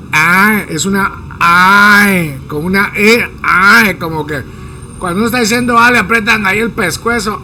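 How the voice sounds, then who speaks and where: Guy from guatemala teaching english sounds, high voice, slow and stretched out, bit of faint noise behind. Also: pushed and bright, poor audio. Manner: slow, drawn-out demonstration of sounds, playful jokes. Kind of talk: casual spoken lesson.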